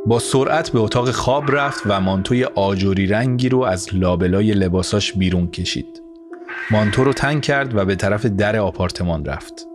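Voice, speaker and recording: A man reading a story aloud in calm, measured scripted narration. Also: on the low side. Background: soft music score.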